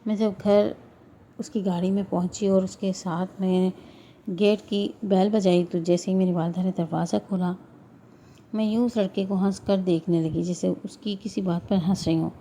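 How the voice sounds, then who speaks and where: A woman narrating an emotional first-person story in a steady, earnest way. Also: mid-range voice, a little hiss or hum.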